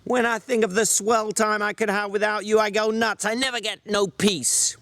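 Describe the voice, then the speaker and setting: Guy doing a fed up ranch drifter from a novel, way high voice, rants in folksy rural wording. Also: level tone, normal speed, fairly bright tone, dry recording. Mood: irritated. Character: small, irritable, exasperated ranch drifter man, secretly caring. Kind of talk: dramatic reading of a novel.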